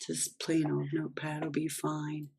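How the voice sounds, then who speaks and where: A programming instructor, hoarse and losing their voice, explaining step by step while working through a screen-recorded coding lesson. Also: medium pitch, completely flat delivery, measured pace, very noisy.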